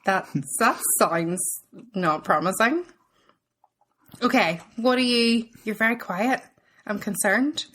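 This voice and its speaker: A woman with a Northern Irish accent co-hosting a podcast, chatty and giggly, often pausing on fillers. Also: mid-range voice, fairly bright tone, slightly rough. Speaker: podcast co-host. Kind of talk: casual chat.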